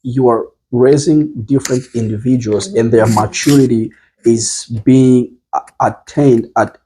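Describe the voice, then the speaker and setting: A man in a casual group discussion, leading it and reflecting on parenting in a measured way, with frequent ums and restarts. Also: medium pitch, steady tone, dark tone, slight background noise, low-quality recording. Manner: measured, thinking aloud with many ums and restarts.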